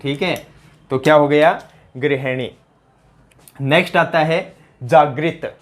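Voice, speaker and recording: A man's voice: a little high, takes it slowly. A man teaching a Hindi spelling lesson for exam students, asking the class question after question and answering them himself, with joking asides in a local dialect. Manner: quizzing listeners with repeated rhetorical questions.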